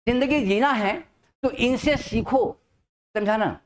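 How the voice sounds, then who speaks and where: Man, high voice, English teacher, classroom lecture, drawn-out emphatic phrases, keeps asking "understand?", faint background hiss.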